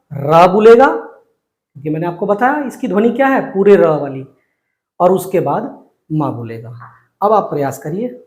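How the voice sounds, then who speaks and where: Male Hindi teacher, high-pitched, patient syllable drills, roomy echo. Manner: slow, repetitive drilling of syllables. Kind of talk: whiteboard reading lesson.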